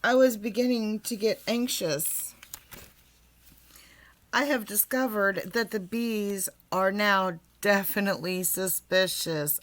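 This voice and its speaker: A woman voicing a small male toy bear in a storybook, earnest, self-important and a little muddled, speaking deliberately. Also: medium pitch, close to an everyday voice. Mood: anxious. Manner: deliberate, earnest, slightly pompous.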